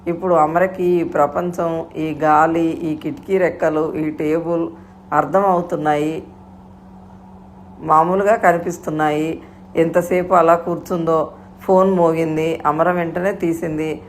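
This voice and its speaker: A woman reads a story aloud, her voice low and kept flat. She gives each character the same voice, with faint noise in the background. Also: unhurried. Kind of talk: scripted narration of a story.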